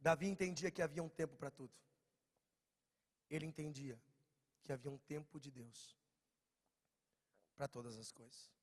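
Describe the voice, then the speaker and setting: A Brazilian man with a slight cold, preaching a lively storytelling sermon to young people, swinging from loud bursts to quiet low lines. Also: normal speed, pauses often. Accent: Brazilian Portuguese. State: slightly hoarse, has a cold. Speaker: preacher at a youth meeting. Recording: long church-hall reverb.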